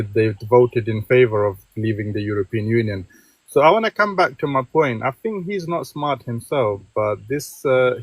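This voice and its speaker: A man from Afghanistan calls in to a live stream with a long opinion. He rambles and fills his pauses with uh and um. The recording is dry and close. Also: mid-range voice, no echo, low-quality recording. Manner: rambling, many fillers and restarts. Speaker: caller.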